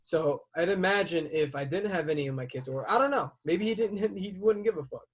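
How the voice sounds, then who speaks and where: A man hosting a podcast who tells a story in casual chat. He swears freely and breaks into loud, heated outbursts as he retells it. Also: sits high, expressive, fairly quick. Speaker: podcast host.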